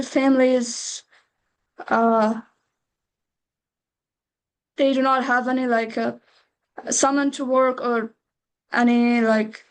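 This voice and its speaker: A young woman from Afghanistan talks over a video call. She speaks slowly and haltingly, with frequent pauses. Her voice sits fairly high and stays flat. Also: low-quality recording. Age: young adult. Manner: slow and halting, many uh pauses. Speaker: webinar participant. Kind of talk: personal testimony on a video call.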